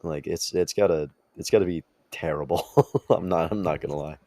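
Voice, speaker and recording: A man's voice: deep voice, brisk, a little mellow, dry recording. A young man co-hosting a casual podcast, rambling and stammering through restarts as he talks. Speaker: podcast co-host. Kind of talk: casual chat.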